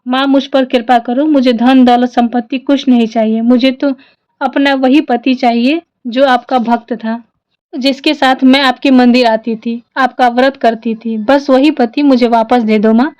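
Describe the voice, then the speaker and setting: A grieving young wife pleading in tearful prayer in a devotional storybook, as a woman narrator puts her on. Her voice is high and smooth. The sound is dull and lo-fi. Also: fairly even intonation, unhurried, a little mellow.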